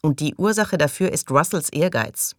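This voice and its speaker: A woman's voice: low-pitched, animated, normal speed, a little mellow, no echo, studio quality. A woman reading an audiobook and voicing a suspicious, agitated man who accuses and raises his voice. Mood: accusing.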